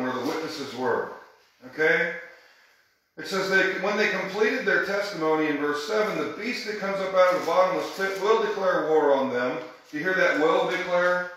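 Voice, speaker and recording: Guy teaching bible study, kinda high voice, super echoey church room, keeps asking okay?. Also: bright, forceful tone. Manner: emphatic, checks in with "okay?".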